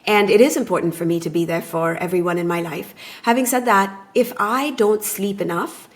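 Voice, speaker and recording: A woman in her thirties, raised abroad, speaking as a podcast guest and relationship coach in a thoughtful, measured way. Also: mid-range voice. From born in Taiwan, raised in Japan. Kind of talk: conversational podcast interview.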